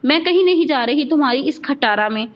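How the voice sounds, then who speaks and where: Woman reading sharp-tongued young wife talking back, high voice, muffled low-fi sound. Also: lively intonation, a little fast. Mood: tart defiant. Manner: tart, retorting. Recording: dull lo-fi recording.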